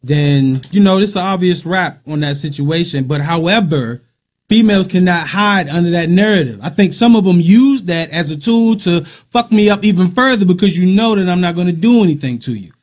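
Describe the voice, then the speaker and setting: A man's voice: sits high, brisk, a little mellow. A man who is a comedian, guesting on a podcast and talking brashly with a lot of profanity and jokes. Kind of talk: casual podcast chat.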